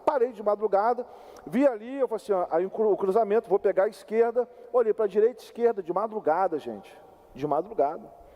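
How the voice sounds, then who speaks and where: An older man preaching a sermon as pastor, telling a personal story in an animated, conversational way and speaking straight to the congregation. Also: high-pitched, fairly quick, dull audio. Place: church sanctuary. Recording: long church hall reverb.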